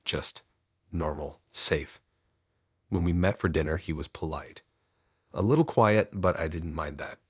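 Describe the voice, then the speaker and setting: A man tells a scripted first-person horror story in a slow, measured way. His voice sits extremely low and has a husky edge. The recording is dry and close, with no room sound. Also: no echo.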